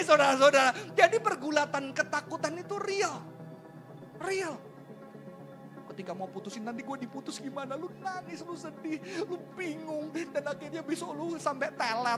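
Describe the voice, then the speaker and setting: Male pastor, high and expressive delivery, chatty sermon over background music. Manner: animated and conversational, rhetorical questions, slangy asides.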